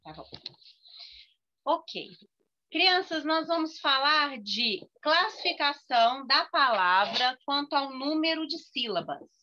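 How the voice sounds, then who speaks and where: Slow, bright-voiced woman teacher. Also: high-pitched, sing-song. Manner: patient, stretching each word out syllable by syllable. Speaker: primary school teacher. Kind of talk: online class for young children. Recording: dull, lo-fi video call audio.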